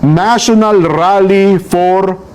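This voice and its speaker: Isang lalaking announcer na mariing nagsasalita sa loudspeaker, umaalingawngaw ang boses na parang nasa kuweba. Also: male voice, high-pitched, drawn-out words, noisy background. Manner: firm, admonishing, speaks with emphasis. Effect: echoing public-address sound, like a voice in a cave. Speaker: announcer at a rally. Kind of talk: public announcement over loudspeaker. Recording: far-off echoey loudspeaker over a crowd. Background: crowd.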